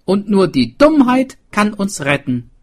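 A man voicing a clever, scheming pig herder from a village, raised and excited. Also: sits high, unhurried, pitched above the performer's own voice. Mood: eager.

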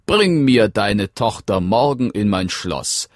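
A man playing a greedy, commanding king who speaks slowly and in a stately manner. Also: fairly low pitch, big pitch swings, no echo, studio quality. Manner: slow, stately, demanding.

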